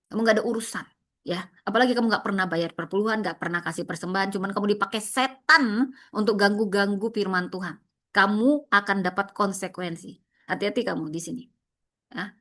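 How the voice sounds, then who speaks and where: A woman's voice: medium pitch, fairly bright tone. A woman pastor, preaching a sermon in an impassioned, scolding way full of rhetorical questions.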